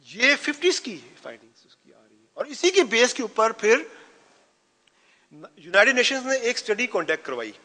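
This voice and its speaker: A man's voice: extremely high pitch, big pitch swings, moderate pace, pushed and bright. A man gives a conference lecture, mixing English phrases into his talk. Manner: mixes Hindi-Urdu with English phrases. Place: conference hall. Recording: long reverb of a hall.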